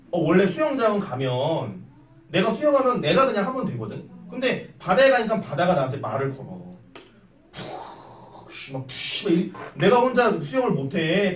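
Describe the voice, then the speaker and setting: A young man lectures on math to a class, swinging from explanation to rambling anecdote with an animated, questioning manner. His slightly high voice rises and falls widely. He is heard from a distance in a roomy, echoing classroom with a faint hiss underneath. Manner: chatty, animated, teasing questions to students. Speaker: math teacher.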